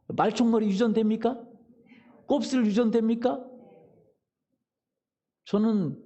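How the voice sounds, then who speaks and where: A middle-aged male pastor preaching in a church, his voice high and gravelly. He tells funny family stories with a lot of swing in his pitch and keeps asking the congregation questions. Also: dark tone, muffled recording. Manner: humorous storytelling, asks the congregation questions. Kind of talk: sermon. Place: church sanctuary.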